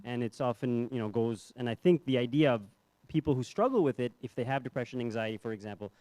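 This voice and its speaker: A man's voice: medium pitch, animated, fast, dark tone, no room sound. A young man, a psychiatrist, giving a conference talk in a ballroom with a handheld mic, conversational and self-deprecating, with many fillers and restarts. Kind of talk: conference presentation. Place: hotel ballroom.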